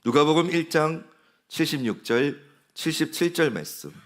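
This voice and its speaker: A man's voice: on the high side, lively intonation, moderate pace. A man in his forties, a pastor preaching a sermon in a conversational way and asking his congregation questions. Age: 40s. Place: church sanctuary.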